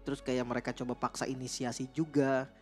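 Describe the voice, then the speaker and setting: A man's voice: mid-range voice, level tone, a little fast. A man giving casual analytical co-commentary on a match, repeating words for emphasis. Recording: game music behind.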